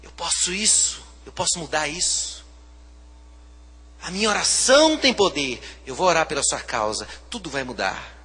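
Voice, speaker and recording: A man with a Brazilian Portuguese accent, a pastor preaching a sermon, swinging from hushed to loud, fervent delivery. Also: a little high, big pitch swings, moderate pace, husky, long reverb tail.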